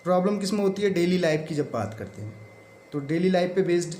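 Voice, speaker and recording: An Indian man teaching English literature for exam prep, explaining step by step, asking questions and answering them himself, and reading quiz items out slowly. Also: high voice, expressive, a little mellow, roomy sound, slight background noise. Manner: reads English quiz items slowly, mixing English terms into Hindi.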